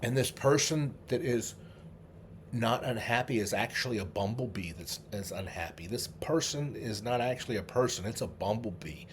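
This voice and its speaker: A middle-aged man, a memory trainer, leading a guided memory exercise, coaching the listener through vivid images with slow, drawn-out repetition. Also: fairly low pitch, a little hiss or hum. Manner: slow, drawn-out repetition with sudden loud "ta-da" bursts; vivid, coaxing visualization instructions.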